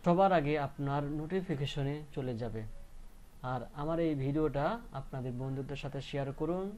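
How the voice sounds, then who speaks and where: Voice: medium pitch, normal speed, darkish tone, slight background noise. A teacher giving a patient, repetitive, step-by-step reading lesson that spells out syllables and keeps checking understanding.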